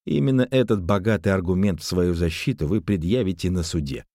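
A man voicing a calm young male detective who speaks with polite, dry irony. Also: sits low, brisk, no room sound. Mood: ironic.

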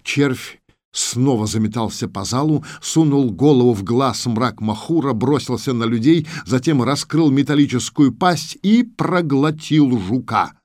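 A man's voice: mid-range voice, a little slow, darkish tone, no echo, clean studio sound. A man steadily narrating an audiobook.

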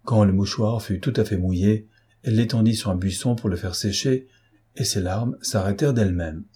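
A man narrates an audiobook in a calm, measured way. His voice sits low and sounds mellow and dark, with a husky, breathy texture. The pacing is steady, like classic storytelling. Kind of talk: audiobook reading of a novel.

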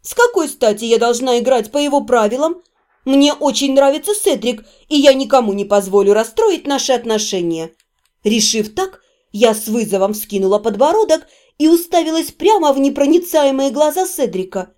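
A woman narrating a first-person fantasy audiobook in an even, expressive reading. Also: high-pitched, normal speed.

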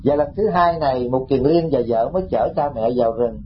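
A man's voice: medium pitch, brisk, muffled recording, a little hiss or hum. A male Buddhist monk giving a dharma talk, telling stories and addressing the listeners directly. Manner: storytelling, addresses the audience directly.

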